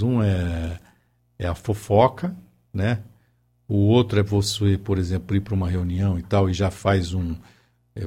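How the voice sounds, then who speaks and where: A man's voice: low-pitched, darkish tone, husky. A man talking in a casual conversation, hesitant, with many fillers and restarts.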